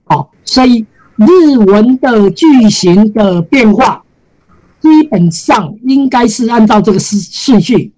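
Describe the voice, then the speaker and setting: A woman's voice: on the high side, expressive, slow, dark tone, low-quality recording. A woman teaching a Japanese grammar class in Taiwanese Mandarin, explaining patiently and repeating key terms. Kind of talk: classroom lecture.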